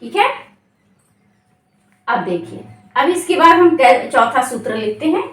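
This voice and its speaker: High, lively woman teaching slowly in an echoey room. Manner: repeats questions and answers them herself; slow, drawn-out syllables when stressing sounds. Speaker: Sanskrit grammar teacher. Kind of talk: exam-prep grammar lesson.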